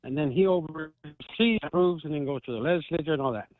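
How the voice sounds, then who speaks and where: Male call-in listener, slightly high voice, heard through a dry, tinny phone line full of digital dropouts that turn him half robotic; earnest, casual. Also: fast talker, dry recording. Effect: garbled digital phone line, half robotic. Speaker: radio call-in caller.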